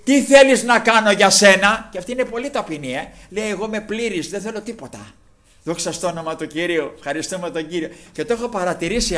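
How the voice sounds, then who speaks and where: A man preaching a fervent sermon, repeating refrains of praise and swinging from loud exclamations to hushed, low passages.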